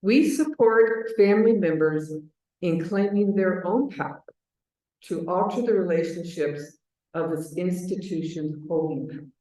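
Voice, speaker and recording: A woman from Chicago in the US Midwest, an advocacy program manager, gives an earnest conference presentation on advocacy, repeating key phrases for emphasis. Her booming, mellow voice moves at a measured pace, recorded far from the mic in a large, very echoey conference hall.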